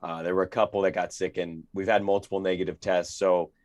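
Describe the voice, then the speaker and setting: A nasal-sounding man co-hosts a casual sports podcast in a relaxed, easygoing way. His voice sits a little low for a man. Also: fast. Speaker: co-host.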